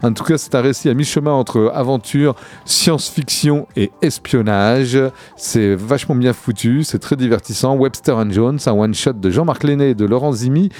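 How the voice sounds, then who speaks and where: A man's voice: mid-range voice, normal speed, a little mellow. A man hosting a casual radio show about comics, often stumbling and searching for words. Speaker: radio host reviewing comics.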